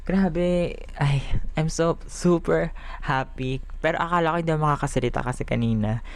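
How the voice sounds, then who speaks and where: A Filipino vlogger chatting casually in Taglish, giggly and animated, talking with missing front teeth. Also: medium pitch, normal speed. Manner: talks with missing front teeth after an extraction; Taglish, mixing English phrases into Tagalog. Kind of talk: casual chatty daily vlog.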